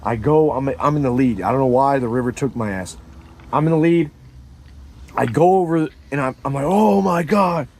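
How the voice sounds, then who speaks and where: An average-pitched man spins a comedic story in casual banter. He is animated and profane, acting out each moment with silly sound effects. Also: brisk, slight background noise, low-quality recording.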